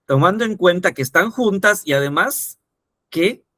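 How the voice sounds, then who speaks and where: Male teacher for an explanatory lesson; bright, lightly raised pitch, patient and repetitive. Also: animated, normal speed, no room sound, clean studio sound. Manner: repetitive, checks in with "¿no?" often. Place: teaching video.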